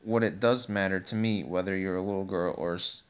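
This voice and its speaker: A man voicing a suspicious, complaining pigeon in an audiobook, loud and aggrieved. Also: low-pitched, steady tone, a little fast, clear, resonant tone, natural voice. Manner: screaming, complaining. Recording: dull lo-fi recording.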